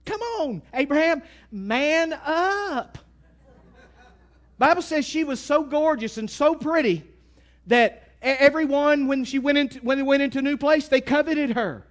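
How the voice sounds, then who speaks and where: A man with an East Texas accent delivers a sermon in a very high voice. He is folksy and emphatic, jumping from loud bursts to quiet asides. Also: unhurried. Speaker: preacher.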